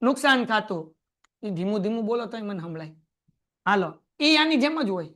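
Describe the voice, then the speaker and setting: A man with a Kathiawadi Gujarati accent teaching an accounting class in a classroom, firing quick questions at his students. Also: sits high, lively intonation, bright, forceful tone. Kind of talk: lively classroom lecture. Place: classroom with a board.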